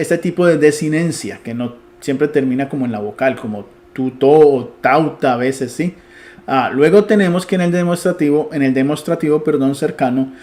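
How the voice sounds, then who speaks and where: A man's voice: a little high, a little mellow. A man giving an online Bible Greek grammar lesson, explaining step by step and checking in with his students. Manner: explains patiently, restarts and asks "¿sí?".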